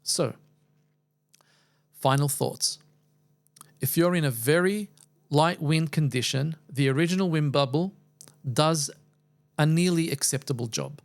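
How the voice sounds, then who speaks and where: A man's voice: on the high side, a little slow, pauses often. A man narrating a scripted product review as the reviewer, with a wry, playfully exaggerated way of talking.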